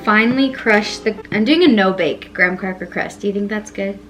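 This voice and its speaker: A woman's voice: mid-range voice, lively intonation, brisk, noisy background. A woman filming a casual baking vlog, talking to herself in a rambling, self-mocking way while reading a recipe aloud. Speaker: home baking vlogger.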